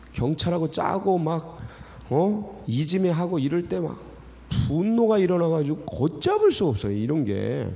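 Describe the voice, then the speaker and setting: A man's voice: a little high, creaky, warm tone. A man preaching an early morning sermon in a church, talking in a loose, emotional way and often breaking off to restart his sentences. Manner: emotional, conversational preaching with many fillers and restarts. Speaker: pastor. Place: church sanctuary. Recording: church hall reverb.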